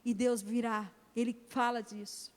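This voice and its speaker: A woman's voice: on the high side, little pitch movement, measured pace. A middle-aged Brazilian woman pastor preaching an emphatic sermon in a church, acting out conversations with her daughter. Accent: Brazilian Portuguese. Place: church hall. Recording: long church reverb.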